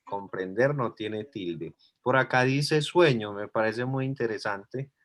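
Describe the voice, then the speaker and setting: A man's voice: fairly low pitch, a little slow. A man teaching an online class, explaining patiently and thinking aloud as he goes.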